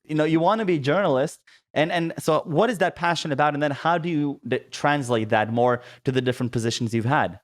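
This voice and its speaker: A man's voice: a little high, brisk. Man hosting a podcast interview. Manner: conversational, with fillers and restarts while asking questions. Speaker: podcast host.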